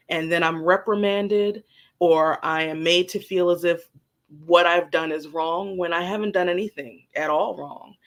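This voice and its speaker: A guest telling a personal work story candidly and animatedly, swearing casually. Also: medium pitch. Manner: animated, acts out quoted dialogue, swears casually.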